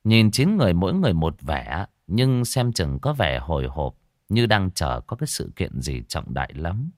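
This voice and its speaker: A man narrating a ghost story in a lively, folksy, colloquial way. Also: sits low, moderate pace, dry recording, clean studio sound.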